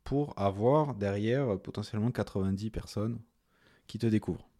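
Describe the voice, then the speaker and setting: Male podcast host, low warm voice, easygoing chatty questions. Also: normal speed. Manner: relaxed, chatty, short interjections and questions. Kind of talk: casual podcast interview.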